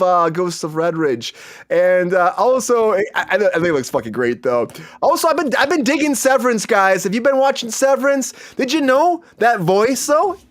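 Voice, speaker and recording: A man's voice: very high-pitched, a bit bright. A man hosting a casual comedy entertainment show, rambling and laughing as he talks. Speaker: host.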